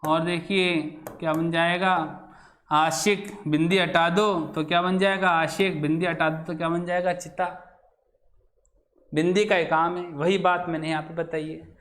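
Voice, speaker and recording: A man with a high-pitched voice gives a classroom lesson on grammar. He keeps asking his listeners questions and then answers them himself. He says example words over several times, slowly, so the sounds come through. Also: flat delivery, a bit bright. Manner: repeats example words slowly to show how they sound. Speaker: Hindi grammar teacher. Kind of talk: classroom lecture.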